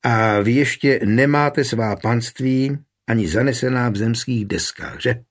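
A sly, short, plump burgomaster, as a male audiobook reader puts him on, who argues coolly and lawyerly. His voice is husky and steady. He stays composed under threats. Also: mid-range voice, natural voice. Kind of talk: audiobook character voice.

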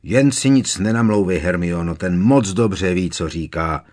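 A man's voice: low voice, darkish tone, lightly acted. A man voicing a cheeky teenage boy who speaks with dry sarcasm, in an audiobook. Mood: scornful, wry.

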